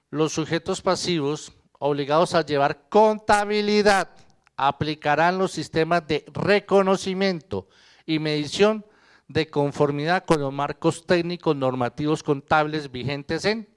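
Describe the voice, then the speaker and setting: A man's voice: on the high side, clear, resonant tone. A man, an accountant, giving a live seminar talk in a conversational lecturing way, putting questions to the audience and joking with them. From Colombia.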